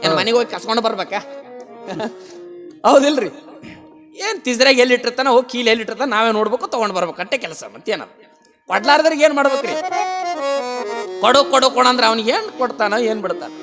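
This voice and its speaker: A man with a North Karnataka Kannada accent preaching a devotional sermon on a temple stage, singing verse lines slowly and explaining them in lively colloquial asides. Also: very high voice, music in the background.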